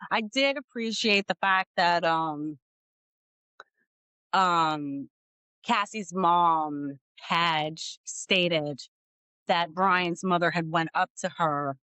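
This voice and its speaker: A woman hosting casual true-crime commentary, blunt and animated, with slangy asides. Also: lowish voice, extremely slow, clean tone, no room sound. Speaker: host.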